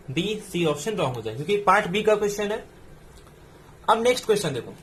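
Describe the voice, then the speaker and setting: A man's voice: high-pitched, a little hiss or hum. A man, tutoring math step by step through exam solutions. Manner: explains step by step, mixing in English terms.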